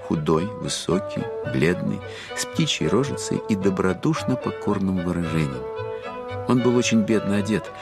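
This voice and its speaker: An actor playing a grown man wistfully recalling his boyhood, in reflective, measured literary narration. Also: low voice.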